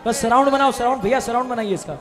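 A man with a strikingly high voice leads a live devotional crowd from a handheld stage mic. He talks energetically and coaxes the audience to call back, now and then breaking into shouts. Devotional band music plays clearly behind him. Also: fast. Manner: energetic, chatty, coaxing the crowd, bursts into shouts. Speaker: bhajan singer leading a devotional crowd.

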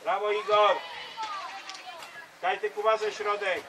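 A man's voice: sits high, flat delivery, slow. A man coaching a youth football team, calling urgent, commanding instructions to his players from the touchline. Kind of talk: shouting instructions from the sideline. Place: outdoor football pitch. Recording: distant voice, loud crowd and outdoor noise. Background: loud crowd and outdoor noise.

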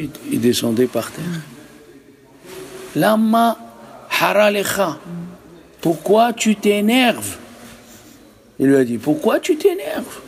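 A rabbi teaching a religious lesson to a live group, emphatic and full of rhetorical questions. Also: male voice, medium pitch, a little mellow, slight background noise.

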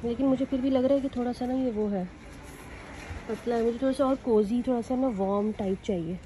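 A young woman talks through her shopping in a relaxed, chatty vlog, switching between Hindi and English. Her voice is mellow and warm. It is caught on a phone held at arm's length inside a big store, with faint noise behind her. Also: a little high, fairly quick, low-quality recording. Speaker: vlogger. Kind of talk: casual vlog chat. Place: large indoor store.

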